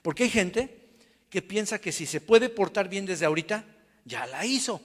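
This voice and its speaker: A man delivers a dramatic sermon in a high voice, dropping to near whispers and then rising to shouts. He calls his listeners brother. His voice carries a long reverb, as if in a church hall. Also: expressive, moderate pace. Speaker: preacher.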